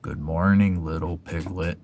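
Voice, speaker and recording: A man voicing Eeyore, a gloomy old male donkey in a storybook reading, speaking in a slow, mournful murmur. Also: low voice, fairly even intonation, darkish tone, muffled recording, a little hiss or hum. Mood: glum.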